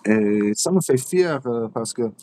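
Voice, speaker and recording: A man, a native English speaker with a foreign accent in French, chatting casually and haltingly as a podcast host, searching for words. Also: mid-range voice, animated, warm tone, dry recording. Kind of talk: casual unscripted chat.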